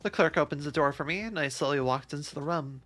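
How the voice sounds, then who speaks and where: A streamer narrating a game story live with a bright, forceful tone and mid pitch. Reads steadily, but laughs and jokes between lines. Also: quick pace, faint music behind. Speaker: streamer reading and voicing a game.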